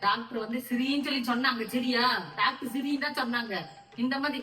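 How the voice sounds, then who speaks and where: A woman scolding her grown daughter in a casual family prank video, exasperated and swinging from grumbling to shouting. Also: high voice, steady tone, quick pace, reverberant, far from the mic.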